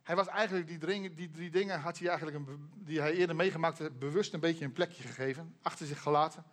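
Male preacher, fairly high voice, earnest storyteller, slows down on key names, trails off low and soft. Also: steady tone. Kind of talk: sermon, retelling a Bible story.

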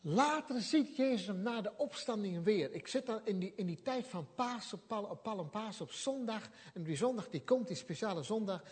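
Lively high-voiced male preacher, husky. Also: normal speed, few pauses. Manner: animated storytelling, acting out quoted speech. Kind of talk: sermon.

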